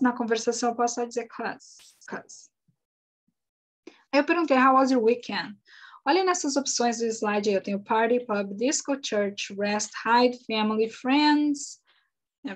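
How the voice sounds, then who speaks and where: A woman with a fairly high voice, teaching English in a recorded lesson recap. She explains things patiently and slowly and spells words out letter by letter.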